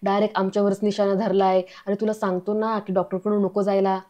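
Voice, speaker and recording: A woman's voice: medium pitch, level tone, fast, warm tone, lightly acted. A woman voicing a crafty older man who pretends to be hard of hearing and grumbles when cornered. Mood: wailing. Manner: grumbling, flustered. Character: sly older man faking deafness, grumbling.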